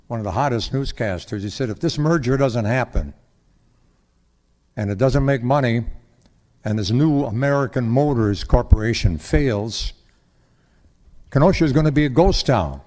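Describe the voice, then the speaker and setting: A man's voice: mid-range voice, moderate pace, long pauses, darkish tone. An older man giving a rambling, folksy public comment at a council meeting lectern. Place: council chamber at a lectern mic.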